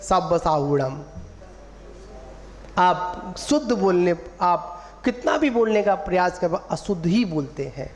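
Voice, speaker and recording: A man's voice: high voice, lively intonation, a little slow. A man, a monk, giving a sermon to an assembly, drawing out syllables to teach pronunciation and quizzing his listeners. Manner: teacherly, drawing out syllables to model pronunciation, asks the audience questions. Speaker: Jain monk preacher. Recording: long hall reverb, faint room ambience.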